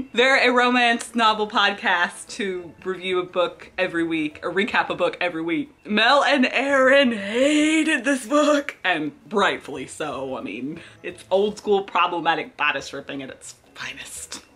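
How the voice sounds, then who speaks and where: A woman's voice: lowish voice, normal speed, pushed and bright. A woman book vlogger in a casual chatty vlog, rambling with self-deprecating asides.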